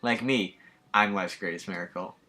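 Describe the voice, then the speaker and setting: A man voicing a goofy, trolling teenage girl prankster who acts deliberately dumb, in a mock-grand way. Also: low-pitched, bright, forceful tone. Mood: smug.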